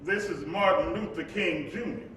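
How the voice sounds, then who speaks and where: An actor playing a dignified leader looking back on his youth in a staged reading, speaking in a measured, deliberate way. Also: fairly bright tone. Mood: polite, formal. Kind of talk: stage monologue in a play reading. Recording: echoey hall from far off, faint rumble.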